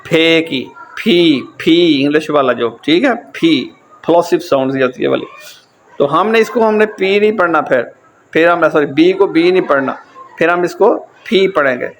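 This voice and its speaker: A man's voice: on the high side, a little hiss or hum. Pakistani man teaching in a repetitive style. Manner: repetitive, explains points again and again. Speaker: German language teacher. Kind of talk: casual lecture.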